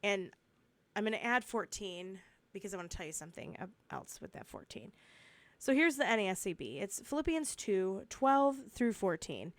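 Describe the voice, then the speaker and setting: A woman with a cold talks through a Bible study in a casual, chatty way. She rambles, doubles back on herself and adds asides. When she reads the verses she slows down to a careful, steady pace. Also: medium pitch, no room sound. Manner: reads scripture slowly and steadily. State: congested with a cold, coughing.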